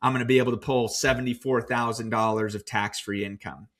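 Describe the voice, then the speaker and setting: A man co-hosting a podcast, recounting his own finance choices in a relaxed, storytelling way with plenty of fillers. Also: medium pitch, a little fast. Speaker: podcast co-host. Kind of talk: casual podcast discussion.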